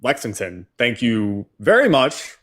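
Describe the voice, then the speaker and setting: A man's voice: mid-range voice, big pitch swings, unhurried, a bit bright. A man in his thirties co-hosting a live stream, reading supporter messages aloud in an easy way. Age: 30s. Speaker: co-host.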